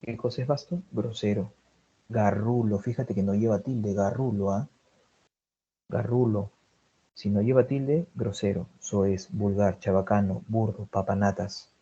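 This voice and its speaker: A man's voice: lowish voice, fairly even intonation, a little slow, dark tone, husky, dull audio. A man with a Peruvian Spanish accent teaching a vocabulary class, listing synonyms and checking in with his students. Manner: drills vocabulary lists, checks in with students often. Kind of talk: online class lecture.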